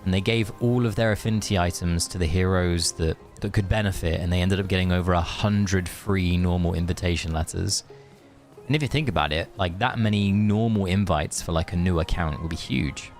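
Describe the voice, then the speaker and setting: Here a man chats casually while streaming a game, drifting into friendly tangents for his audience. He speaks in a low pitch and at a fairly quick clip, with music in the background.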